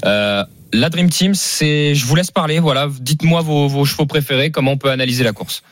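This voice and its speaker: A man hosting a live radio horse-racing panel, briskly steering his guests and hurrying them along. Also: fairly high pitch, dry recording. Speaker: radio racing show host. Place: radio studio.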